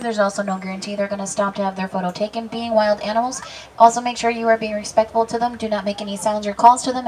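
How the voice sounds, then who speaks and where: Female safari guide, practised tour patter at high speed, distant pickup with slight background noise. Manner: brisk, practised, informative. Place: open safari truck outdoors. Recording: distant, noisy vehicle tour announcement.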